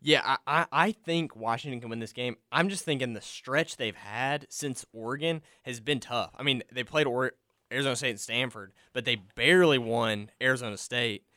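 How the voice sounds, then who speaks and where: A young man co-hosting a college radio sports show, chatty and animated with some hesitant fillers as he sets up games in a studio. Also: medium pitch, moderate pace, dry recording. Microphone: studio microphone.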